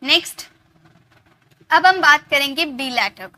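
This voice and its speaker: High bright-voiced Indian woman teaching. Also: takes it slowly, no echo. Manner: repeats and drills words, asks questions. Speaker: English teacher. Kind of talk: spoken classroom lesson.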